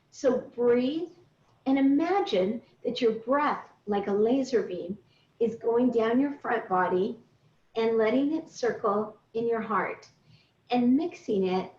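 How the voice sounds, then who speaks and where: This middle-aged woman's voice is fairly high with a darkish tone. She leads a group coaching session, walking everyone through points step by step, on a recorded indoor video call with roomy, distant, dull audio.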